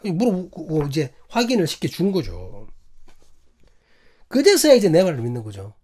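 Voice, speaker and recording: A man's voice: fairly high pitch, normal speed. A male pastor with a Gyeongsang accent, telling a personal story in a sermon, acting out quotes and asking the congregation questions. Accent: Gyeongsang Korean. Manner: animated, acts out quotes, asks the congregation questions.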